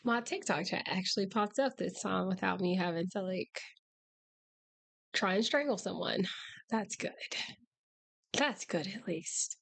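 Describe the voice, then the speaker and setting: Hoarse woman with a nearly lost voice. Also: mid-range voice, unhurried, pauses often. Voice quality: hoarse, strained, breaking voice. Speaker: livestream host. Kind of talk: casual livestream chat with viewers.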